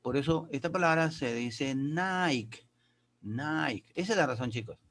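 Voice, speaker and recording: A male teacher with a slightly raised voice walks his pupils through grammar and pronunciation one step at a time. He reads English sentences aloud slowly and deliberately. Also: fairly high pitch, expressive, a bit bright. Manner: explains step by step, addresses pupils as kids. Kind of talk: classroom lesson.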